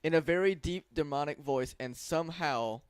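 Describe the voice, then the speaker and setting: A man's voice: fairly high pitch, moderate pace, dry recording. A man talking casually as a player in a tabletop role-playing game. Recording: clearly noisy with clicks.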